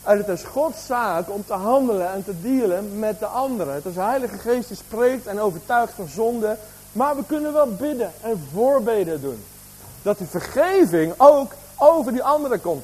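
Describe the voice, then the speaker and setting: A man's voice: high voice, a little mellow, husky, low-quality recording. A man preaching a sermon, asking the congregation questions, with a slight cough.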